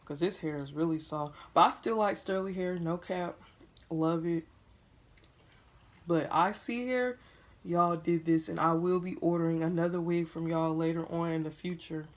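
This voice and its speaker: A woman's voice: on the low side, little pitch movement, moderate pace. A young woman chatting casually to her viewers while unboxing a wig at home, talking around a piece of gum. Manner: chatty, addresses viewers as "y'all", chewing gum. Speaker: beauty vlogger.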